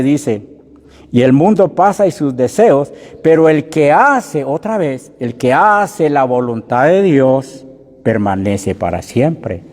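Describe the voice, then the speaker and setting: A male preacher gives a sermon. He calls his listeners brother and sister and reads scripture slowly, with emphasis. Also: medium pitch, darkish tone. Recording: reverberant hall sound.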